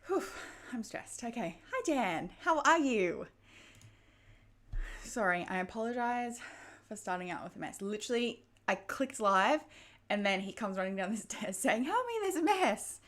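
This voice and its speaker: A woman's voice: mid-range voice, expressive, normal speed, fairly bright tone. A woman hosting a casual book club livestream, out of breath and chatty, laughing often and a little frazzled. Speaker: booktube livestream host. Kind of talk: casual live-stream chat.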